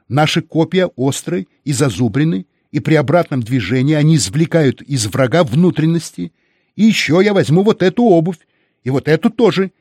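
Man putting on a shrill, greedy captive. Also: darkish tone, dry recording, studio quality. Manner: high, firm and shrill. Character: shrill boastful male native captive, greedy and smug.

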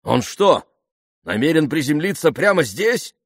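A man's voice: low-pitched, unhurried, dry recording, studio quality. A man voicing a grumpy, irritable old male colonel who grumbles and bursts out in outrage. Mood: outraged.

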